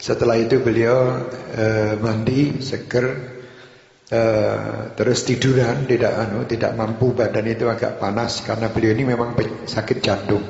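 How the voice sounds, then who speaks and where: Gravelly, flat-toned preacher. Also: male voice, mid-range voice. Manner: slow, even storytelling with hesitations. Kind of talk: sermon storytelling. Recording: echoey hall, dull sound.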